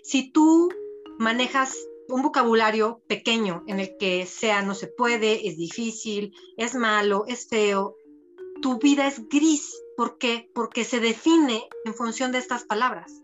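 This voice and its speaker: A woman's voice: fairly high pitch, a little slow, faint music behind. A woman, talking as a podcast guest and acting out the voices of people she quotes. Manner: expressive, acts out quoted voices. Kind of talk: podcast conversation.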